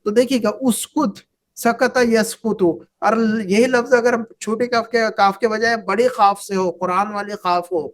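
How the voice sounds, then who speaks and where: A woman's voice: medium pitch, steady tone, few pauses. A woman whose first language is Urdu, teaching an Arabic grammar lesson, patiently repeating verb forms and asking the class questions. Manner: asks the class questions and invites answers.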